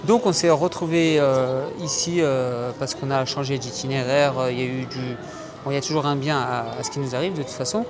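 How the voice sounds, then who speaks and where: A man's voice: medium pitch, steady tone, brisk, over music. A man chatting to viewers in a casual travel vlog, hesitant with many fillers, recorded outdoors and on the road. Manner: chatty, addresses viewers as "les gars". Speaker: travel vlogger. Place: outdoors in a city and in a vehicle. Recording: noisy outdoor vlog audio.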